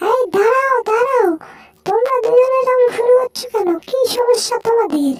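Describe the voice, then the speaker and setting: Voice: very high-pitched, moderate pace, voice pushed up. A performer voicing a cheeky little male mouse in a homemade cartoon dub, yelping and panicky. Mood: frantic, scolding. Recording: recorded from a distance.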